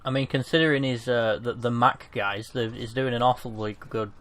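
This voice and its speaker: A man's voice: mid-range voice, steady tone, moderate pace, fairly bright tone. A man co-hosting a casual watch-along commentary, joking, laughing often and swearing freely. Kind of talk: casual chat.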